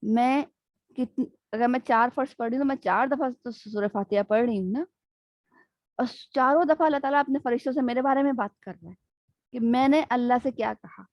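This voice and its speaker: A lively, higher-voiced woman teaching a religious class over a video call. She keeps checking in with her listeners and acts out small scenes as she goes. The sound is dry and a little muffled. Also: dry recording. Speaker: Islamic studies teacher. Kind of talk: interactive online religious lesson.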